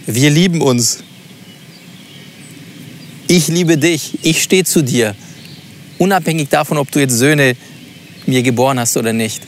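A man's voice: fairly high pitch, measured pace, pauses often, slight background noise. A man playing a pleading biblical husband. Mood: tender. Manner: coaxing, earnest questions.

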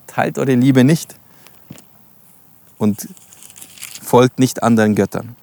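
A man's voice: mid-range voice, slow, vocal fry, warm tone. A man teaching from the Bible in a sermon, reading verses aloud and explaining them, stressing single words and addressing his listeners directly. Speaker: preacher.

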